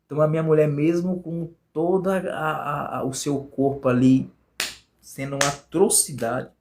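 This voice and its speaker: A man's voice: fairly high pitch, flat delivery, moderate pace, a little mellow. A man from Bahia with a Bahian accent, a guest telling a personal testimony in an earnest, emotional way and repeating phrases for emphasis. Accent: Bahian Portuguese. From Bahia, Brazil.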